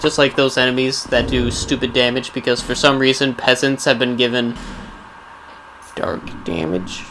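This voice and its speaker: A man's voice: mid-range voice, level tone, a little fast, few pauses, sharp tone. A man giving casual, rambling gameplay commentary as host, musing wryly as if to himself. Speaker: gaming video host. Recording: clearly noisy background under voice.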